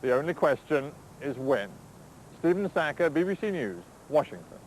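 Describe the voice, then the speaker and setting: A man reporting as a television news correspondent in a measured, grave scripted delivery, heard from a worn videotape copy. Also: a little high, very animated, slight background noise, poor audio. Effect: worn VHS tape copy.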